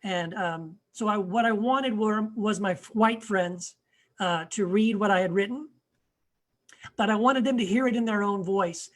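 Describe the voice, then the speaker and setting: Hesitant soft-spoken male author. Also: sits high. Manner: hesitant, frequent pauses and restarts, voice trailing off quietly. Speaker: author and blogger, guest reader. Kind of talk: casual spoken introduction.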